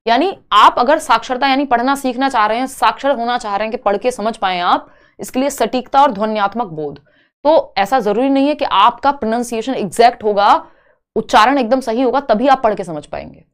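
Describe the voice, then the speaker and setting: A woman teaching an online exam-prep lesson, explaining each option step by step with rhetorical questions and English terms mixed in. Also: a little high. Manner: mixes English terms into Hindi.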